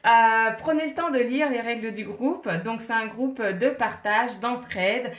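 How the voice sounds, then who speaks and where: A woman's voice: a little high, measured pace, a bit bright, roomy sound. Chatty woman live-streaming from her phone. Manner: chatty, laughs often, greets viewers by name. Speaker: MLM coach hosting a live stream. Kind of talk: casual live-stream chat with viewers. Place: home office, indoors. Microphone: phone held in hand.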